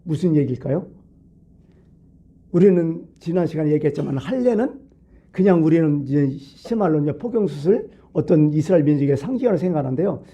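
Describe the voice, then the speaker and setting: A man's voice: fairly high pitch, lively intonation, fairly quick, dark tone, slightly rough. A male pastor giving a midweek sermon in a church, talking to the congregation in a conversational way and asking them rhetorical questions. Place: church sanctuary.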